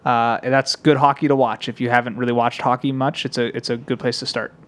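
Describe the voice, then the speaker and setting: A man's voice: medium pitch, little pitch movement, fast, a bit bright. A man co-hosting a podcast, chatting in an easygoing, agreeable way. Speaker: podcast co-host. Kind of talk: casual chat.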